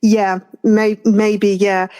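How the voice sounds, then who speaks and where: A woman from France in her thirties co-hosts a casual chat. She talks slowly and unhurriedly, pausing often and restarting her thoughts, with plenty of fillers along the way. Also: medium pitch, little pitch movement, darkish tone, clean tone. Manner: hesitant, many fillers and restarts. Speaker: podcast co-host.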